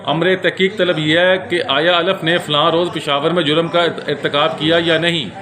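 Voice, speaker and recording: Recorded on a camera held in one hand, a man with a Pakistani accent presents law books for sale, speaking casually, explaining things and frequently repeating himself. His voice is fairly high and level in tone at a moderate pace, with a crowd audible in the background.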